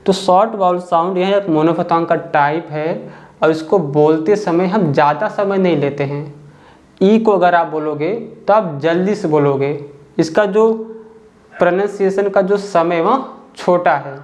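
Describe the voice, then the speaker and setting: A man with a somewhat high voice explains things step by step like a teacher at a board. He is patient, repeats each point and checks in with the listener before moving on. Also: measured pace, darkish tone.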